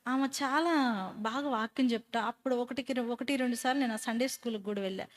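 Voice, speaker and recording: High-voiced woman telling her testimony. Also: fast. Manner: animated storyteller who quizzes listeners. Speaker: speaker giving a personal testimony. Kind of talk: storytelling testimony to a church group.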